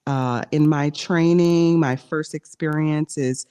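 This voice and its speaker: A woman's voice: deep voice, steady tone, slow, mellow, smooth, dry recording, studio quality. A woman hosting a casual podcast interview as a physician, chatty and joking, with fillers as she talks. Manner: chatty, jokey, with frequent fillers and laughs.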